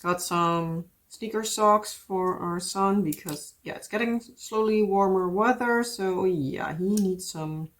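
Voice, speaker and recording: A mid-range voice goes slowly yet barely pauses as this woman, a craft vlogger, chats casually. Dutch is her native language and her accent shows it; she rambles and says "like" and "yeah" often.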